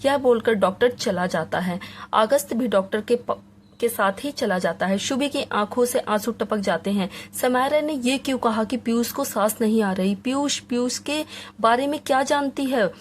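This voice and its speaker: A woman reads a serialized romance aloud as an audiobook narrator, dramatic and expressive throughout. Her voice sits fairly high for a woman, and a faint hiss runs under the recording. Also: moderate pace. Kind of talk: scripted story narration.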